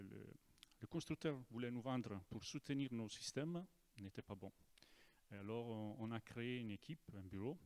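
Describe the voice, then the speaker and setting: An Italian man giving an informal presentation in broken French with an Italian accent, halting and repeating words as he goes. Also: lowish voice, darkish tone, smooth. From Italy. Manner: broken, non-native French with grammar slips. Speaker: naval officer giving a presentation.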